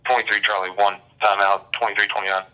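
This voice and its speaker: A man acting as emergency dispatcher over a dispatch radio, giving clipped, flat call-outs. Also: lowish voice, fast. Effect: dispatch radio transmission. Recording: tinny distant radio.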